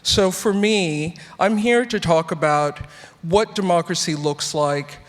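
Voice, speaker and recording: A woman's voice: fairly low pitch, slow pace. A woman, a tech entrepreneur on a panel, introducing herself on a theatre stage in an earnest, reflective way. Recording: theatre hall reverb.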